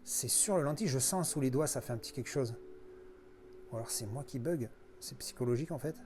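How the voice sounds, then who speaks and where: A man's voice: medium pitch, fairly quick, background noise. A man giving casual, enthusiastic commentary while he unboxes a collector's edition. He exclaims and swears often as he talks.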